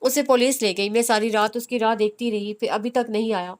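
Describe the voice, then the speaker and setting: Woman narrator voicing a grieving aunt, halting and tearful, smooth higher voice. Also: fairly even intonation, close to an everyday voice. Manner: halting, sobbing. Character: tearful middle-aged aunt.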